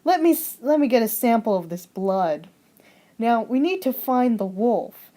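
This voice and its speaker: A woman's voice: a little high, expressive, unhurried, dark tone. A young woman voicing a police officer, reading legal wording in a stilted, formal way.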